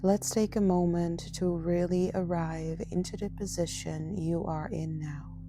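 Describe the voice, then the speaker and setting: A yoga nidra guide leads a relaxation meditation in a gentle, soothing female voice that sits on the low side and keeps a steady tone. She speaks very slowly, her words fraying into fry at the edges, while soft meditation music is clearly heard behind her.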